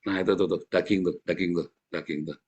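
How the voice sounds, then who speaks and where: A man's voice: low voice, quick pace, slightly rough. A man preaching an informal sermon, joking and laughing as he addresses the congregation. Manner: animated, jokey, frequent laughing asides, addresses congregation as saudara.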